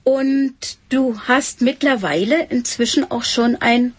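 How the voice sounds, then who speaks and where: A woman's voice: a little high, takes it slowly, breathy edge. A woman interviewer in a studio, introducing her guest and asking prompting questions. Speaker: radio interviewer.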